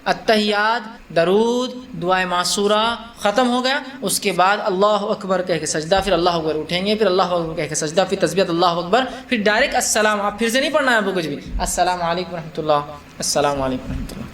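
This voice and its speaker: A man's voice: high-pitched, few pauses, a bit bright. A man preaching to a gathering in a conversational way. He asks his listeners questions and acts out little scenes. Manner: conversational, asks the audience questions, mixes in English words; acts out quotes with laughter. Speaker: Islamic preacher. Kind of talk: religious lecture to a live gathering.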